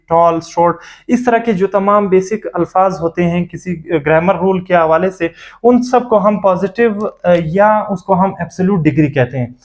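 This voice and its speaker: A man teaching a grammar lecture, methodically going through examples one by one, with frequent filler pauses as he explains. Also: high voice.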